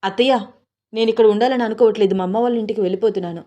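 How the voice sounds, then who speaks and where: A woman's voice: mid-range voice, fairly even intonation, racing, dark tone, dull audio, natural voice. A woman storyteller voicing an irritated young wife who answers curtly. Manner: irritated, curt.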